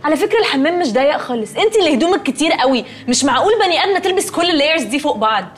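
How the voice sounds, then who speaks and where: A woman's voice: high voice, expressive, rapid-fire. An actress with an Egyptian accent playing a fussy, pretentious young woman who sprinkles English words into her speech. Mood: snooty. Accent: Egyptian Arabic. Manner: snooty, mixes in English words. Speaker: sitcom character. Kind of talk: sitcom acting.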